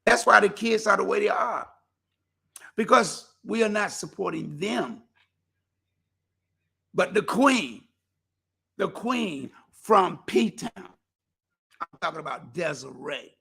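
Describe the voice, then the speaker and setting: Hosting a community talk show by himself, a man promotes it casually in a folksy, preacherly manner, exhorting with animation even as his voice gives out. His voice is high, gravelly, and breathy at the edges, and he speaks slowly with long pauses.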